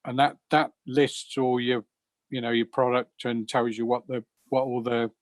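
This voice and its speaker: A man's voice: medium pitch, little pitch movement, normal speed, no room sound. A man explaining something casually as a participant on a group call.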